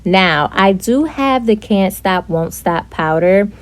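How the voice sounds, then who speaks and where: A young woman narrating a casual makeup tutorial, chatty and relaxed, with frequent fillers. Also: medium pitch, slow. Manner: chatty, with frequent ums and likes. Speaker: beauty vlogger.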